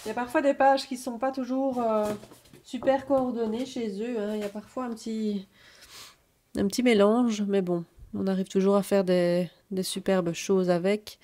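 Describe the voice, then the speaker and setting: Slow, hesitant and filler-heavy, a woman goes through her scrapbooking purchases in a casual haul video. She has a medium-pitched, dark voice with a level tone, and the audio carries a little hiss or hum.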